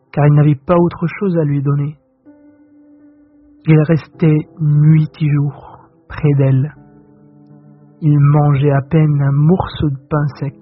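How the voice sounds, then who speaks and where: A man narrating a fairy tale in a measured, solemn way. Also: on the high side, slightly rough. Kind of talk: scripted storybook narration. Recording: tinny old radio recording with faint music.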